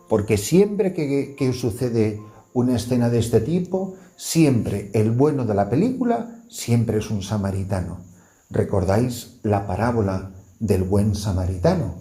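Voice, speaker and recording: A man's voice: on the low side, warm tone. A man preaching as a priest, earnest, with rising emphasis on key words and a faint music bed behind. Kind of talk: sermon.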